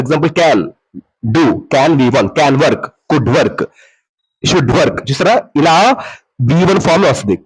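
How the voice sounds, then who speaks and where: A man's voice: fairly high pitch, husky, low-quality recording. A man teaching English grammar, explaining in mixed with English and often checking that his students follow. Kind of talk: classroom grammar lesson.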